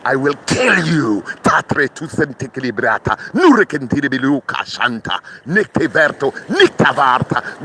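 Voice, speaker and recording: A man delivering a threatening curse monologue, speaking slowly and breaking into chanted incantations. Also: medium pitch, creaky, pushed and bright, a little hiss or hum. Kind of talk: menacing spoken curse monologue.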